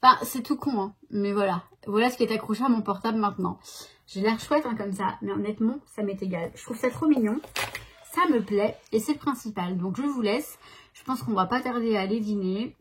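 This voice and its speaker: A woman's voice: medium pitch, brisk, a bit bright, breathy edge. A woman chatting casually to her viewers at home, rambling along with many restarts. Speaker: vlogger. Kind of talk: casual vlog chat to viewers. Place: at home by a desk.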